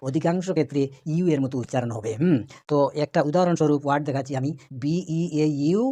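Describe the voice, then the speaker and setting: A man's voice: a little high, quick pace, warm tone, dry recording. A man giving an online English pronunciation lesson, patiently spelling out words letter by letter. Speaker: English teacher.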